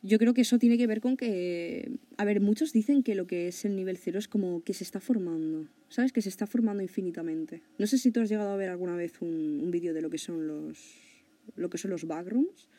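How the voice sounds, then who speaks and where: A woman's voice: fairly low pitch, a little fast, mellow. A young woman from hosting a podcast in casual chat, talkative and laughing often, with casual swearing. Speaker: podcast host.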